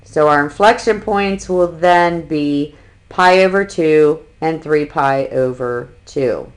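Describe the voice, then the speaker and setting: A woman's voice: sits low, takes it slowly. A woman math instructor giving a recorded calculus lecture, explaining step by step with an occasional dry sarcastic aside.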